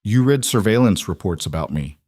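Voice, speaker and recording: Guy doing a hurt young bride, sharp and accusing, storybook voice, very dry close sound. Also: fairly low pitch, lively intonation, a little fast, dry recording. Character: young woman, wary bride, hurt and angry.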